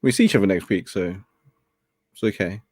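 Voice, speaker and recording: A man's voice: low voice, a little fast, a little mellow, husky, no room sound. A young man hosting a casual late-night chat, laid-back and laughing often as he talks. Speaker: host.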